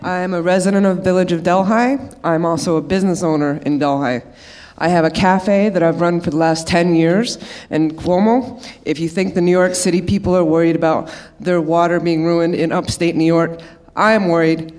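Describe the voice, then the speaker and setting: A woman speaking up at a public hearing, her testimony nervous and halting. She is emotional and close to tears, restarting her sentences and apologizing as she goes. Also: lowish voice, fairly even intonation, darkish tone.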